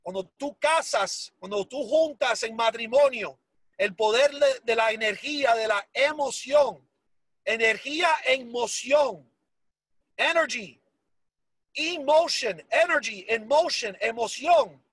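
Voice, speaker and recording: A man's voice: extremely high pitch, slow pace, a bit bright, husky, dry recording. A man giving an emotional, emphatic motivational speech, repeating words for force and dropping English phrases into his talk. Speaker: motivational speaker for a sales business.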